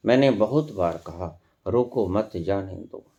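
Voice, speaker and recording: A male spiritual teacher delivers a discourse with a melodic voice that rises and falls widely. He speaks slowly and deliberately, posing one rhetorical question after another. His tone is mellow. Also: deep voice, expressive, highs cut off.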